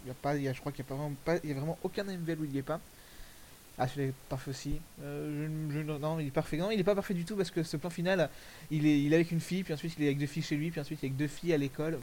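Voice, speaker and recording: A man's voice: a little high, steady tone, very fast, darkish tone, a little hiss or hum, rough recording. A man giving casual, rambling commentary over video clips, correcting himself often and using crude slang. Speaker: commentator reviewing fan music videos.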